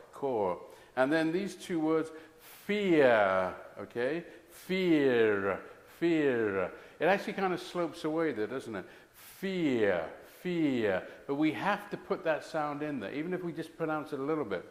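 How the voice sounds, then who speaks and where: A male ESL teacher takes learners through a pronunciation drill, carefully enunciating words and repeating them slowly. His voice sits at a middle pitch. The room is echoey, with a long reverb that trails after each word. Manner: slow, deliberate enunciation with drawn-out example words. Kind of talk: pronunciation lesson.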